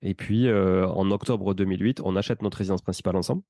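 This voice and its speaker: A man in his thirties with a Toulouse accent, telling his life story as a podcast guest in a relaxed, rambling way with many fillers. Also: deep voice, fast, dry recording, clean studio sound. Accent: Toulouse French. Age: 30s. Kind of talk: casual conversational storytelling.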